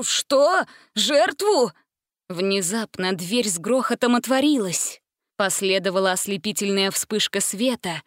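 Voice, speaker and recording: A woman's voice: medium pitch, dry recording. Woman narrating a storybook, dry. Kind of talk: storybook reading.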